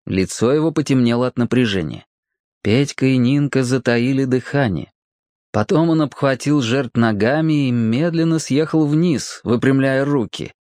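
A narrator reading a children's story aloud with expressive delivery. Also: mid-range voice, moderate pace, no room sound, clean studio sound.

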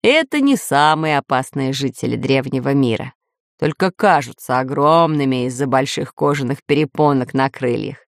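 An eager, learned professor read by a woman in a storybook. He explains patiently in a voice close to the reader's own, lively in pitch and dry. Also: normal speed, creaky, dry recording, heavily acted. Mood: lecturing. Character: excitable learned male professor geographer.

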